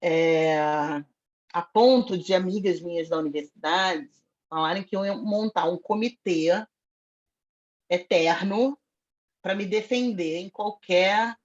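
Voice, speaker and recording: Husky-voiced Brazilian woman, animated storyteller. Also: lowish voice, slow, dull audio. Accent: Brazilian Portuguese. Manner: animated storyteller, self-described foul-mouthed. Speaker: podcast guest. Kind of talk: casual interview conversation.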